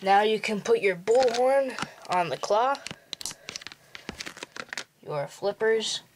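This young tutorial host's voice sits high and sounds animated as he slowly and plainly guides viewers through building a toy model, one step at a time. Background noise is noticeable.

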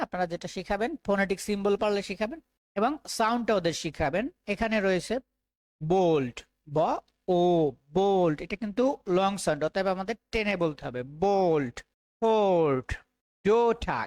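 A woman teacher with a Bengali accent who gives a phonics lesson. She says each English sound slowly and draws it out, then repeats the word again and again. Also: mid-range voice, no room sound.

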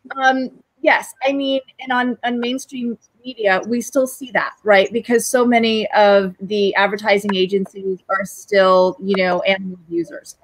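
A woman's voice: mid-range voice, steady tone, normal speed, few pauses, rough recording. A woman guest on a panel over a video call, speaking from a room at home in an enthusiastic, persuasive way.

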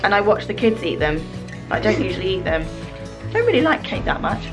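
A woman's voice: medium pitch, big pitch swings, a little fast. A woman with a British accent chatting casually as a mother in a family vlog, recorded indoors on a camera mic. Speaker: vlogger and mother. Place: small living room indoors. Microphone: camera mic at arm's length or on table. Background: music, children.

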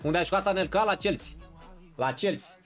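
A man's voice: sits high, fairly bright tone, faint music behind. A man streaming a football video game live, bantering with his chat and playing up mock outrage. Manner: banters and greets viewers in chat.

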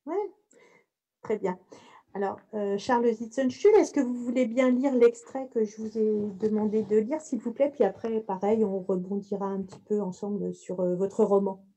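A woman's voice: mid-range voice, fairly even intonation, moderate pace, mellow. A woman moderating a literary panel, speaking with frequent hesitations. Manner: hesitant, many fillers.

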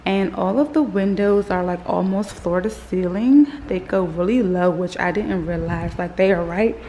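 This casual vlog chat comes from a woman in her thirties talking to her phone camera at arm's length, rambling with fillers from a parked car and then an unfinished house. Her voice is on the low side and dark, at a normal speed, over slight background noise.

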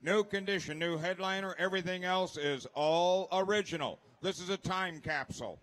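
A man's voice: sits high, normal speed, fairly bright tone. A man announcing auction lots, describing each one in short, clipped phrases.

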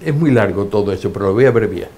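In a storytelling interview, an older man with a voice on the low side races through lively anecdotes from his life. He acts out the voices of the people he quotes along the way.

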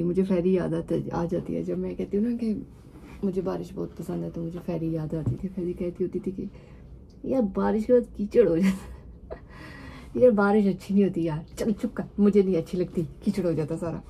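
A woman's voice: lowish voice, steady tone, fairly quick, gravelly, dark tone, a little hiss or hum. A woman in her thirties from Pakistan, chatting casually to camera in a travel vlog, mixing in English words, recorded on a phone set at a distance in a hotel apartment. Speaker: vlogger. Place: hotel apartment room, indoors.

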